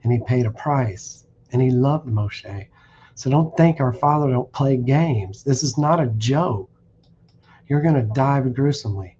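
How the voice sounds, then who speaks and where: Blunt preaching man, mellow voice. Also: medium pitch, unhurried, lo-fi sound, a little hiss or hum. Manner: blunt, warning, reads verses aloud with restarts. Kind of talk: streamed scripture teaching. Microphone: streaming setup.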